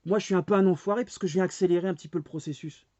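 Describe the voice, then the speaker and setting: A man in his forties, a vlogger, rants angrily to camera in a monologue stuffed with rhetorical questions aimed at viewers. He races along in a high, a little mellow voice with fairly even intonation. The recording is dry, dull and lo-fi.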